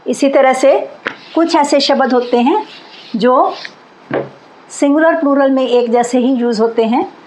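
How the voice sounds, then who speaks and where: A woman's voice: sits high, unhurried, long pauses, darkish tone, slight background noise, rough recording. A woman teaching English grammar in Hindi, explaining patiently and repeating each example word.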